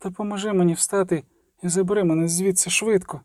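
A man's voice: sits high, animated, fast, warm tone, no room sound, studio quality, voice pushed up. A man doing a bold young swordswoman. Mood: urgent hushed. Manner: tense, urgent. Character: young woman swordswoman, bold, quick-witted.

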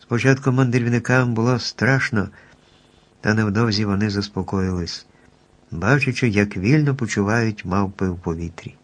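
A man calmly narrating a children's storybook at an even pace. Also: fairly low pitch, normal speed.

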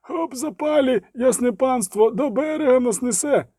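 A man voicing a cowardly ferryman who yells in panic, high and strained. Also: normal speed, husky, dry recording, clean studio sound. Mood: pleading.

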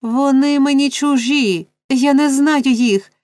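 A woman voicing a frightened orphan boy, crying out high and frantic. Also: slow, a little mellow, no echo, clean studio sound.

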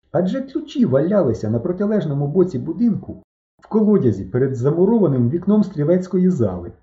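A man narrating an audiobook in a lively storytelling manner. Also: mid-range voice. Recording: dull, roomy recording.

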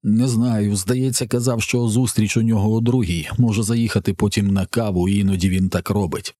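A man reading a novel as an audiobook narrator, in an even, measured storytelling voice. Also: fairly low pitch, no room sound, clean studio sound. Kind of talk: scripted narration.

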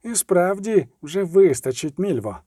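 Man doing a cold, measured vampire. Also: high-pitched, animated, dark tone, no echo, studio quality, pitched above the performer's own voice.

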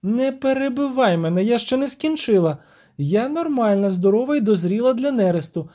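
A shrill, indignant young siren, as a male narrator puts her on in an audiobook, complaining in a high singsong lilt. Her voice leaps around wildly but stays mellow and soft in tone. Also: lively intonation, moderate pace.

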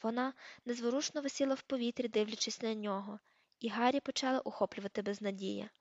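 Higher-voiced woman narrating an audiobook. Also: steady tone, fast talker, no echo. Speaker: audiobook reader. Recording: dull lo-fi dry audiobook recording.

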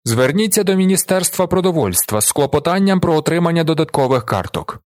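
A man voicing a fat, stern male gendarme who gives curt bureaucratic orders in a creaky voice. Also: fairly high pitch, very animated, a little fast, darkish tone, dry recording, clean studio sound, voice pushed up. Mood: cold.

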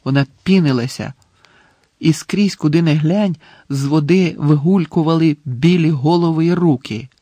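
A man reading an audiobook in dramatic, measured narration. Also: a little high, warm tone, no room sound. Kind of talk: scripted narration.

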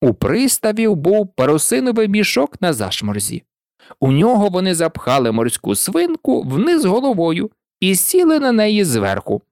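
A woman narrating a storybook in an expressive, lively reading. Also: mid-range voice, normal speed, dry recording, studio quality.

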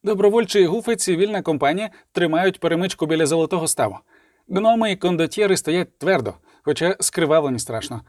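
A man voicing an army messenger in a storybook reading, delivering a hurried battlefield report. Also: fairly high pitch, animated, darkish tone, dry recording, clean studio sound, pitched above the performer's own voice, lightly acted. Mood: urgent. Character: urgent male army messenger.

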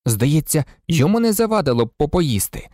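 An audiobook reader voicing an excitable, blunt teenage boy who blurts out his ideas eagerly. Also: medium pitch, brisk, no echo, studio quality, voice pushed up, natural voice. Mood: casual. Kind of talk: audiobook character reading.

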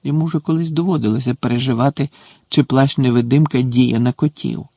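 Gravelly male audiobook narrator. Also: medium pitch, fairly even intonation, a little fast, dark tone, no room sound.

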